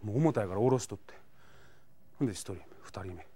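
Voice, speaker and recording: A man's voice: lowish voice, quick pace, a little hiss or hum. A man with a Kansai accent telling funny stories as a comedian, acting out the scenes as he goes. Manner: animated, acts out scenes, chuckles through punchlines. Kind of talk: comic storytelling monologue.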